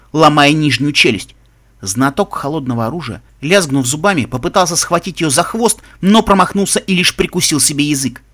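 A man with a somewhat high voice reads a fantasy tale aloud. His narration is expressive, and he throws himself into the action as he tells it. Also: slightly rough. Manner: expressive reading that voices the characters. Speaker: audiobook reader. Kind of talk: scripted narration of a fantasy story.

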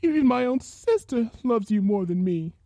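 A woman's voice: a little high, expressive, moderate pace, mellow, no room sound, pitched above the performer's own voice. A woman voicing a cruel, vain female unicorn pony with an affected posh drawl. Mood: cold, haughty.

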